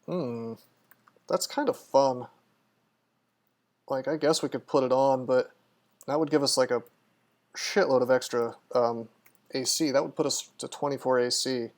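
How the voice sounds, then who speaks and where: A man's voice: mid-range voice, unhurried, long pauses. A man streaming a game, talking casually and musing aloud, with frequent ums and restarts. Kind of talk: live-stream gameplay commentary.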